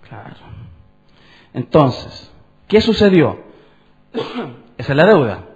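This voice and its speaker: Male pastor, high, animated, questioning sermon, dull lo-fi sound. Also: slow pace. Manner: conversational preaching, asks the congregation questions. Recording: dull lo-fi church recording.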